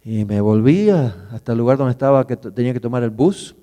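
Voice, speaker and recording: A middle-aged man preaches in a warm, mellow voice. He tells his story vividly, rising loud and dropping to a hush. The recording carries the long reverb of a church hall. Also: medium pitch, animated, brisk. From Argentina. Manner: vivid personal storytelling, swings from loud to hushed. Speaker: pastor. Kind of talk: sermon storytelling.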